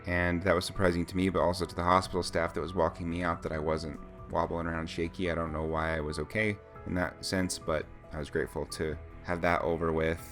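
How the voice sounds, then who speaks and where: A man's voice: low-pitched, level tone, a little fast, hardly any pauses, a bit bright, faint music behind. A man giving a casual, first-person account with practical advice, in an informal, explanatory way. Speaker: vlogger recounting a personal experience.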